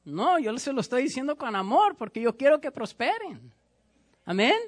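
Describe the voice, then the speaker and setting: A man's voice: extremely high pitch, sing-song, normal speed. A man preaching a sermon as pastor, emphatic and repetitive, speaking directly to his congregation.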